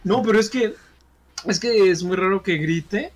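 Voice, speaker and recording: Man, Mexican accent, husky, fairly high voice, casual slangy chat. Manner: reactive, slangy, quick interjections. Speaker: co-host.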